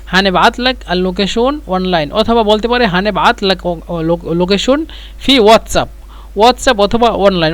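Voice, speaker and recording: A man teaching Arabic vocabulary, repeating each phrase slowly and spelling out its letters. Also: high voice, a bit bright, clear, resonant tone, dry recording. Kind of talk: explaining vocabulary lesson.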